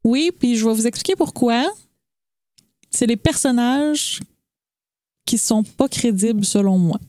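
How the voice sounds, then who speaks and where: A young woman with a Quebec French accent gives her opinion as a podcast guest, frank and deliberate. Her voice is fairly high but mellow. The sound is dry and close. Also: dry recording. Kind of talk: casual podcast chat.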